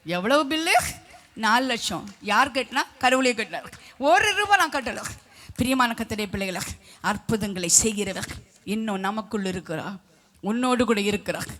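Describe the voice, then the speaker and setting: A middle-aged woman preaching a testimony sermon with fervor, swelling into loud emphatic declarations and sometimes singing hymn lines. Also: medium pitch, normal speed. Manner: breaks into sung hymn lines.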